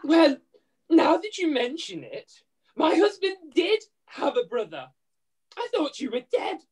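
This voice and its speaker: Woman doing panto widow, high voice, brash, long-suffering, arch, exclaiming mother. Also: wildly swooping pitch, measured pace, darkish tone, full character voice. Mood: brash, plaintive. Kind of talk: amateur pantomime read-through. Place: room, on a video call.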